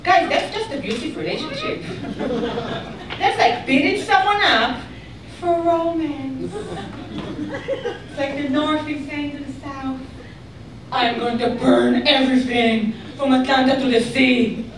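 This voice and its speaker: A woman from Israel with an Israeli accent doing a stand-up comedy set, deadpan and ironic with bursts of mock outrage. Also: high-pitched, slow pace, long pauses, a crowd in the background. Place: comedy club stage. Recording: echoey club, mic far away, audience noise. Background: audience laughter.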